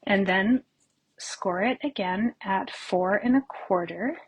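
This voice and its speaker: A woman's voice: medium pitch, takes it slowly, noisy background. Chatty woman hosting a live craft class. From Canada. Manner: chatty, rambling, greets viewers by name. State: slightly out of breath. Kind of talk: casual live craft tutorial. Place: home craft room.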